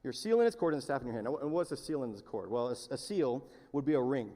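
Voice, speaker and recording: A male pastor preaching a sermon, swinging between hushed, slow lines and loud, yelled appeals. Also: medium pitch, lively intonation. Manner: impassioned, shifts from hushed to yelling. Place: large church hall. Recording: long reverb of a church hall.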